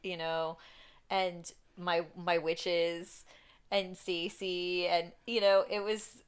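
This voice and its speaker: A woman's voice: fairly low pitch, little pitch movement, slow pace, smooth. A young adult woman co-hosting a podcast, chatting and telling a story in a rambling way, full of fillers and laughs. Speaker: podcast co-host. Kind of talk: casual chat, storytelling.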